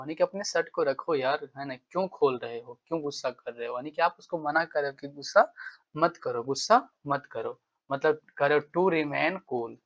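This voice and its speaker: A man's voice: a little high, fairly bright tone, dull audio. A man with a stuffy nose from a cold, giving a casual exam-prep lesson and constantly checking in with his students. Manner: chatty, keeps asking "right?" and "what will you say?". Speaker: English teacher.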